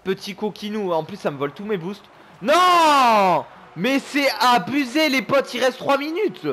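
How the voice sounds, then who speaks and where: A young man commentating his own gameplay for viewers, excitable and chummy, swearing and shouting at the game. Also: high-pitched, brisk, a little hiss or hum. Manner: chummy, keeps calling viewers his pals. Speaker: gaming YouTuber.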